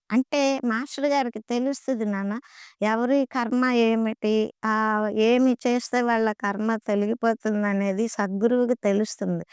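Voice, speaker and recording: Casting: earnest woman storyteller, crisp clear tone, repeats key lines with devotion. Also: on the high side, dry recording. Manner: earnest, devout, repeats phrases for emphasis. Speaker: devotee sharing experiences. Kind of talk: conversational storytelling.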